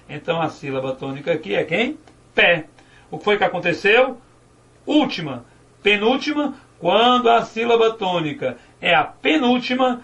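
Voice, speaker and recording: High, bright-voiced male teacher, distant mic. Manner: explains step by step, asks and answers his own questions. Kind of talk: classroom grammar lesson.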